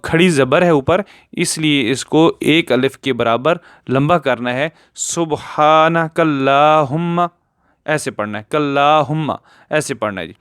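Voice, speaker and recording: Guy teaching how to recite prayers right, patient, smooth clear voice, dry sound. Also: on the high side, dry recording. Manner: patient, explanatory, slows down to draw out Arabic words. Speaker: religious teacher. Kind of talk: video lesson on prayer recitation.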